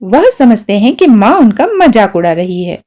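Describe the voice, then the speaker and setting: A woman reading a short story aloud as narrator, with expressive storytelling. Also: a little high, unhurried.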